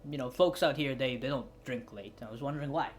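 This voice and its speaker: A game master voicing a middle-aged male bartender in a tabletop game: friendly, nosy, and quick to backpedal when a question lands wrong. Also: mid-range voice, natural voice. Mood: flustered.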